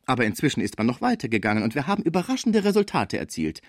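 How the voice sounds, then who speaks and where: A man voicing a pushy young embalming salesman who delivers an eager, urgent sales pitch. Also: big pitch swings, racing, dry recording, studio quality.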